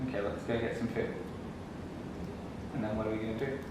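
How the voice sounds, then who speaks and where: A man's voice: on the low side, fairly even intonation, brisk, heavy reverb, distant mic. A man chatting casually as a companion in a vlog. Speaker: companion of the vlogger. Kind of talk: casual chat. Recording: loud ambient and traffic noise.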